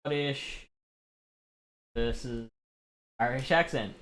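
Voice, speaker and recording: A man's voice: mid-range voice, slow, a bit bright. A man giving casual, offhand commentary while playing a video game. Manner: offhand, muttering to himself. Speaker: game streamer.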